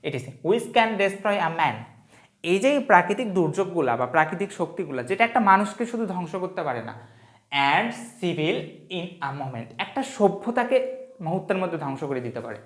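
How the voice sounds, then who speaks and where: A woman teaching an exam-prep grammar lesson. She explains it step by step and keeps asking the class questions. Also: sits low. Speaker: English teacher. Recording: echoey room.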